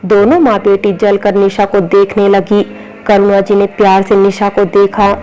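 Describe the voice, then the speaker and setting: A woman narrating a romantic family story in steady storytelling style. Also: medium pitch, moderate pace, low-quality recording. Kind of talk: scripted narration.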